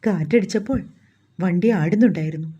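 A woman's voice: on the low side, brisk, mellow, husky, highs cut off. A woman reading the lines of a playful young man who teases his bride-to-be. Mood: teasing.

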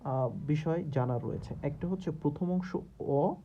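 A man's voice: on the high side, a little slow, a little hiss or hum. A young man teaching a grammar lesson, working through exercises and patiently repeating each question step by step. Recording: dull lo-fi recording.

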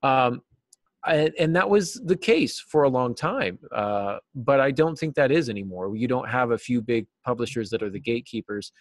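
On a dry video-call recording, a middle-aged man from the United States speaks at medium pitch and normal speed with lively intonation. He's a novelist and teacher being interviewed from a small cluttered office indoors, sounding casual and thoughtful.

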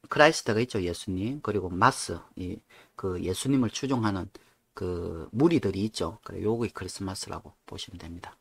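A man teaching English word origins, explaining them in a plain, unhurried way with frequent fillers. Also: lowish voice, no echo. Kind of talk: explaining vocabulary in Korean.

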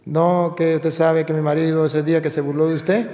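A man's voice: fairly high pitch, level tone, moderate pace, dark tone, close to an everyday voice. A man voicing a distressed, tearful mother who pleads with the priest. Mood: pleading. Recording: echoey hall with long reverb.

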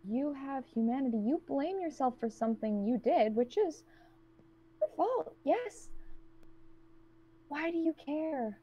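A woman playing a cold, guarded woman trapped with strangers, who speaks in a blunt, cutting monotone. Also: sits high, a little slow, long pauses, lo-fi sound.

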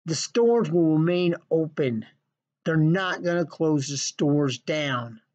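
A man's voice: on the high side, slow, a little mellow. A man ranting in a sarcastic, scolding, profane vlog monologue from his basement. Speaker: vlogger. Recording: dull lo-fi recording.

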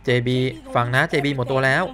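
A man voicing a brash, pushy woman tow-truck hustler from a game, reading her lines quickly and flatly. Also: mid-range voice, natural voice. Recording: game sound behind the voice.

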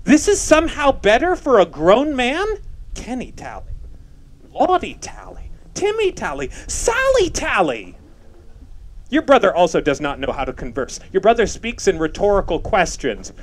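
A man's voice: high voice, huge pitch swings, moderate pace. A man acting in a stage play as a talkative, ironic suitor who rambles and interrupts himself. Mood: wry. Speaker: stage actor.

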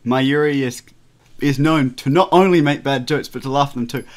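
This young let's player, his voice mid-range and his pace moderate, reads a visual novel's text aloud while video game music plays. His delivery stumbles, he tosses in jokes, and he frequently cracks up laughing.

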